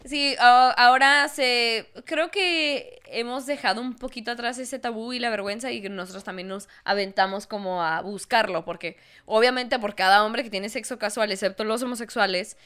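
A woman's voice: a little high, steady tone, moderate pace, few pauses, smooth. A young woman with a Mexican accent, co-hosting a casual chat in a teasing, crude way. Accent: Mexican Spanish. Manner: teasing, crude, laughs loudly. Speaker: podcast co-host.

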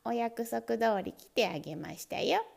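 A woman's voice: on the high side, expressive, a little slow, gravelly, darkish tone, husky, exaggerated voice. A woman voicing a cheeky, pompous little mouse that whines and complains. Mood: haughty. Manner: haughty, complaining, whining.

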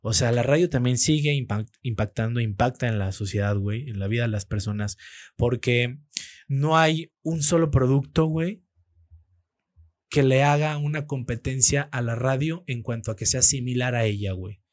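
A man speaking with a Mexican Spanish accent tells animated, slang-filled stories in a relaxed podcast chat. His voice sits at a medium pitch, and he fills the talk with frequent casual fillers. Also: moderate pace, no echo. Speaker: radio producer and host, guest.

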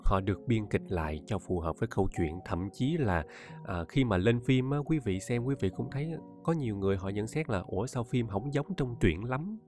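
A man's voice: lowish voice, lively intonation, a little fast, a little mellow, soft background music. A man with a Southern Vietnamese accent, an audiobook narrator talking casually to his listeners, often laughing and addressing them directly. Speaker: audiobook narrator and podcast host.

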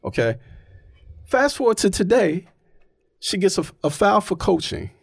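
A man's voice: high-pitched, very animated, measured pace, gravelly, husky, no echo, clean studio sound. A man in casual, opinionated chat, arguing his point emphatically and often checking in with "right?".

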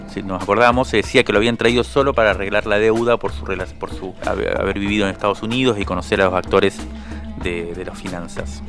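A man's voice: fairly low pitch, a bit bright. A man, a journalist co-hosting a radio show, giving conversational political commentary with frequent hesitations. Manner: conversational, hesitant with fillers and restarts.

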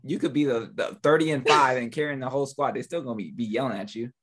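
A man's voice: medium pitch, fast talker, fairly bright tone. A man co-hosting a casual podcast, talking in a laid-back, slangy, unbothered way. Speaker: podcast co-host. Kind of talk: casual chat.

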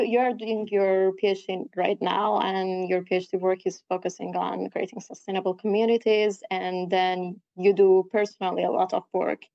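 A woman hosts a podcast interview in a mellow, dark-toned voice at a middle pitch, pausing and restarting as she goes. Her voice is dry and close, with dull, narrow remote-call sound. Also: gravelly, no room sound. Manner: hesitant, with frequent restarts. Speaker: podcast host.

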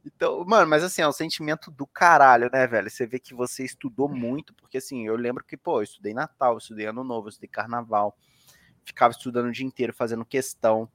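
A man's voice: medium pitch, fast, fairly bright tone, dry recording, studio quality. A man hosting a casual podcast, telling a story with lots of slang and swearing. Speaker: podcast host.

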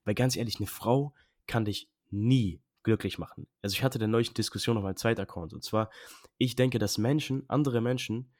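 A young man on a casual podcast, his voice sitting low. He talks bluntly and emphatically, heavy on slang, and the recording is dry and close. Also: a little fast, darkish tone, no room sound. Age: young adult. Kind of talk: casual chat.

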